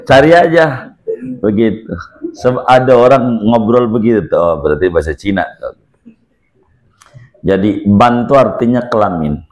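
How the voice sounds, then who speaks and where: A man's voice: on the low side, darkish tone. A man giving a joking, repetitive religious lecture to a congregation. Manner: jokey, uses Betawi slang and repeats phrases. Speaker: preacher.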